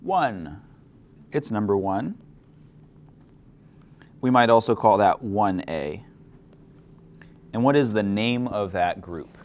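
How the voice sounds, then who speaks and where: Low-voiced male chemistry teacher lecturing. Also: slow pace, long pauses, muffled recording. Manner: relaxed and explanatory, asks the class questions. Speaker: chemistry instructor. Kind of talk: classroom lecture. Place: classroom.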